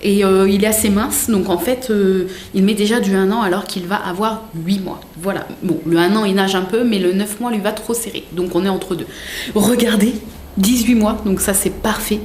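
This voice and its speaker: A woman's voice: medium pitch, fairly even intonation, normal speed, a little mellow, a little hiss or hum. Gushing young woman in a roomy room. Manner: gushing, chatty, full of fillers. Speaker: vlogger. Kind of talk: casual unboxing chat.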